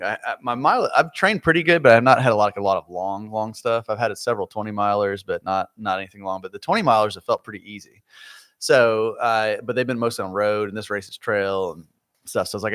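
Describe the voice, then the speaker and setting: A man's voice: on the low side, fairly bright tone, no echo, clean studio sound. A man co-hosting a podcast in easygoing casual chat. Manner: easygoing, laughs along. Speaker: podcast co-host.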